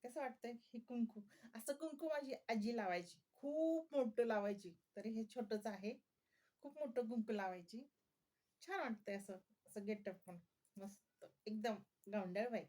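A woman's voice: a little high, normal speed, a little mellow. A woman vlogger chatting casually to her viewers, often laughing and asking them questions.

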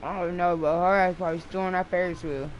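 A woman's voice: lowish voice, steady tone, fast talker. A young woman chatting casually and bossily in slang while role-playing in an online game. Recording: noisy game stream with vehicle sounds. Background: game engine and ambience noise.

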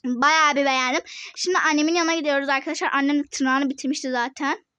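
A woman's voice: sits high, fairly even intonation, quick pace, noisy background. A female vlogger chatting casually and bubbly to her viewers, calling them friends again and again. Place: indoors at home, then a dress shop.

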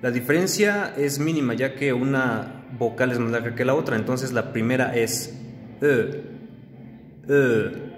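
A man teaching pronunciation slowly and carefully, demonstrating each sound. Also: mid-range voice. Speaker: language teacher. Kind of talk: slow pronunciation lesson. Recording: long reverb with faint background noise.

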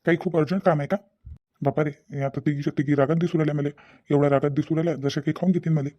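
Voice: medium pitch, steady tone, rapid-fire, muffled recording, lightly acted. A performer voicing a nervous young village man in a cartoon, pleading. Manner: pleading, defensive.

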